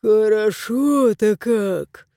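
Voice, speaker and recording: A woman voicing a lazy, smug, spoiled male house cat in a storybook, drawling slowly. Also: medium pitch, dark tone, no echo, studio quality.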